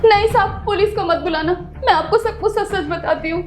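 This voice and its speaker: A woman's voice: very high-pitched, brisk, a little mellow, soft background music. A woman playing a poor house maid in a short drama skit, snappy and defensive, turning to pleading. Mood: pleading, tearful. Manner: snappy and quarrelsome, then pleading. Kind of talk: Hindi web-skit acting.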